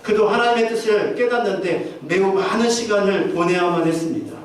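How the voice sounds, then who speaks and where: A man's voice: high-pitched, a little fast. A man preaching a sermon as pastor, earnestly asking his listeners question after question. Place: church sanctuary. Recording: very echoey church hall from far off, faint noise.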